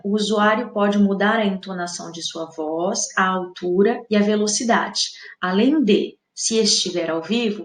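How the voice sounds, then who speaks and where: A woman's voice: mid-range voice, roomy sound. A woman teaching an exam-prep lesson with a Brazilian Portuguese accent, explaining patiently and often checking in with the viewer.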